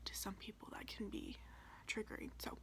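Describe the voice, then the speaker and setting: A woman doing a whispered role-play as a librarian, softly recommending books in an informal, halting way. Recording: clearly audible background noise.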